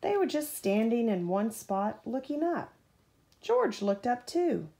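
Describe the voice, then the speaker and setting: With a fairly high, gravelly voice, a woman plays the bedtime-reading mother, bringing a children's story to life. She pauses along the way to question the child.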